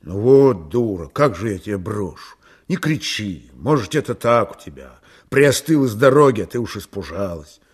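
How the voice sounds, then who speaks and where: A man voicing a stern but caring Cossack man who talks gruffly and in a hushed voice. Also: fairly low pitch, animated, normal speed, pitched below the performer's own voice. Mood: gruff comforting.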